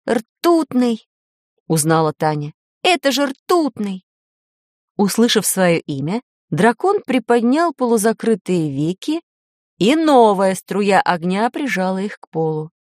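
A woman narrating a fantasy audiobook with lively, dramatic storytelling. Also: mid-range voice, unhurried, no room sound, studio quality. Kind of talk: expressive audiobook reading.

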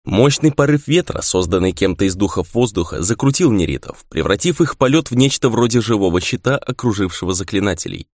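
A man reading a fantasy novel aloud in a lively narration style. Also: lowish voice, a little fast, few pauses, no echo. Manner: lively reading, raises voice for shouted lines. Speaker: audiobook narrator. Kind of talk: scripted narration.

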